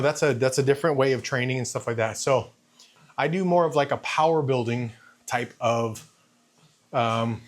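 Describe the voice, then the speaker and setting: A man in his fifties giving a casual, halting vlog monologue, thinking aloud and repeating phrases while walking on a treadmill. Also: medium pitch. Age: 50s. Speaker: fitness vlogger.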